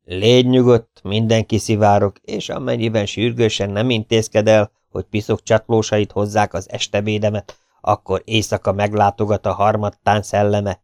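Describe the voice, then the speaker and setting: A man's voice: lowish voice, no room sound, studio quality, lightly acted. A man voicing a fat, bearded fool who plays a mock prophet in a pompous, mock-solemn manner.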